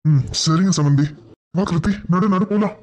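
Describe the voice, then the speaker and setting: A man's voice: high voice, moderate pace, darkish tone, lightly acted. A man voicing a worried middle-aged uncle in a cartoon, asking anxious questions, with a Kanyakumari Tamil accent. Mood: alarmed.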